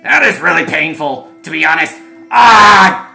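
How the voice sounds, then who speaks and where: A gamer giving excitable let's-play commentary, laughing and shouting taunts. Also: medium pitch, measured pace, creaky, soft background music. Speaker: gamer playing a horror game.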